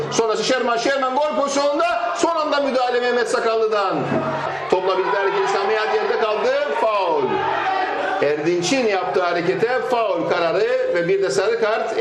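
A man commentating live on a football match, calling the play as it unfolds. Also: high-pitched. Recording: very echoey, noisy match recording.

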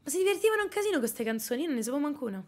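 Chatty Milanese woman streamer, slightly hoarse. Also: high voice. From Italy. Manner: chatty, animated, quick asides to chat. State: slightly hoarse after concerts. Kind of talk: casual live-stream chat.

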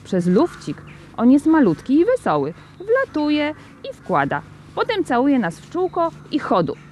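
Woman putting on a little first-grade boy, high squeaky and excited, storybook read-aloud. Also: measured pace, a little hiss or hum, full character voice. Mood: earnest.

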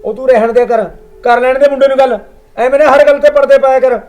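A man's voice: very high voice, steady tone, fast, a little mellow. An actor with a Punjabi accent playing an older father who complains sarcastically at his son and wife. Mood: dismissive. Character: sharp-tongued father, impatient and sarcastic.

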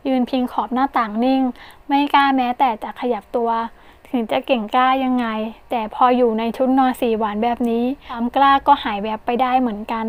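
A woman narrating an audiobook novel in an expressive, storytelling manner. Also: a little high.

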